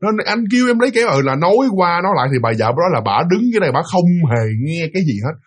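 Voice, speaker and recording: Male storyteller with a high, husky voice, talking fast and animated through a spooky tale. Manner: animated, fast, with many restarts and hesitations. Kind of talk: casual spoken ghost story retelling.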